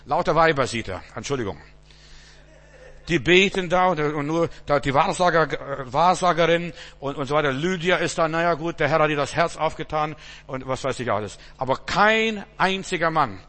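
A man preaching a sermon, swinging between loud emphatic bursts and low quiet asides. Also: lively intonation, moderate pace, in a large hall.

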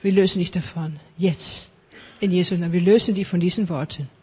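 A male preacher leads charismatic prayer ministry in a high, breathy voice. He repeats his blessings like a chant and drops to a whisper now and then. English phrases slip into his German prayer. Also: fairly even intonation, brisk, a little mellow. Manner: fervent, repetitive chanting of blessings.

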